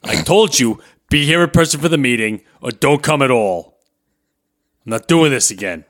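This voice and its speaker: A man's voice: mid-range voice, lively intonation, normal speed, fairly bright tone, natural voice. A man playing a bossy, profane ad man who barks orders in improvised comedy. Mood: angry. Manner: angry, barking orders, profane. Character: bossy foul-mouthed male ad man. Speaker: podcast co-host. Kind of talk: improvised comedy role-play.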